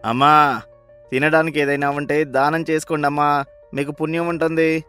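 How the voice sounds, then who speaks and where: A man's voice: a little high, level tone, moderate pace, pushed and bright, smooth, faint music behind. A man voicing a poor, hungry beggar who pleads humbly for food in a storybook tale. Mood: pleading. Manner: pleading, repeatedly begging for alms. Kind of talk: storybook voice acting.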